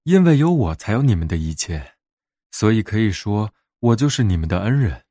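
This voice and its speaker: A man's voice: fairly low pitch, very animated, fairly quick, mellow, no echo, clean studio sound. A man voicing a boastful, self-important peach tree in a storybook, lecturing pompously about the gratitude it is owed. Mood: boastful, demanding. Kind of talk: storybook character voice in narration.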